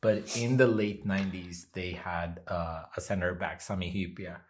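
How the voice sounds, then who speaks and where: A man from Finland who is a guest on an interview podcast, talking slowly and thoughtfully in casual conversation. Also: low voice, fairly even intonation, a little hiss or hum. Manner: slow, reflective, with fillers. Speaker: guest, designer. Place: home, in Sweden.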